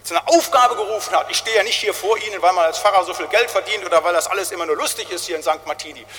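A male pastor delivers a sermon with a bright, forceful voice pitched a little high. He tags his phrases with small questioning asides and swells into emphatic calls. The sound rings with the long reverb of a large church. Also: racing. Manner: preaching with tag questions, rising to emphatic calls.

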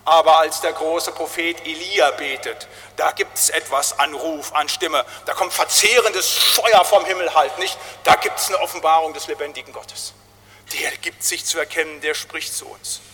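A man's voice: a little high, moderate pace, bright, forceful tone. A pastor preaching a sermon to his congregation, often tagging lines with a questioning aside and building to emphatic calls. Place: large church. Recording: long church reverb.

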